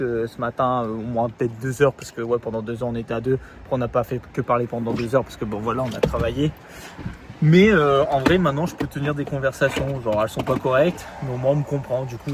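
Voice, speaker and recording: A young man from France records a casual phone vlog outdoors, rambling through his day with constant fillers and slang. His pitch sits in the middle range for a man. Traffic and city sounds are clearly heard behind him. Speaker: vlogger. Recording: phone vlog with street noise.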